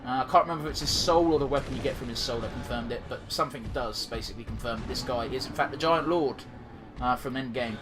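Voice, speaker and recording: A man with a blocked nose does casual let's-play commentary as a gaming commentator, swearing freely and trailing off into fillers. His medium-pitched voice moves at a quick pace, and music plays underneath.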